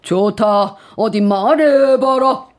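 Pompous rich elder, bellowing, scornful, high voice, slow delivery, radio drama. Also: male voice. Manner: bellowing, contemptuous. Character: greedy pompous rich village elder, blustering. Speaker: voice actor.

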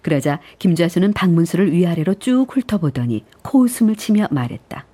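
A woman's voice: on the low side, animated, brisk, warm tone, slightly rough. A woman hosting a live radio show, reading out listener messages and narrating a story.

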